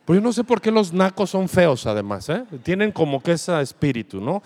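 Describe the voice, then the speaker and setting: A man's voice: sits high, fairly quick. A man with a Mexican Spanish accent preaching a sermon, telling stories and acting out the people in them. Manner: animated storytelling, acts out customers' voices. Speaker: pastor. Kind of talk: sermon with personal anecdotes.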